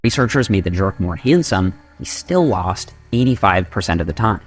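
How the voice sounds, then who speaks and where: A man narrating a scripted fitness explainer in a measured, data-driven way. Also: low voice, animated, soft background music.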